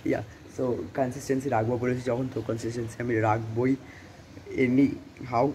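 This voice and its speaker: Hoarse teenage boy vlogging with a cold. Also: mid-range voice, little pitch movement, a little fast, dark tone, a little hiss or hum. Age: teens. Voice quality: rambling, many fillers and English words. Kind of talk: casual vlog chat. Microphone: phone camera.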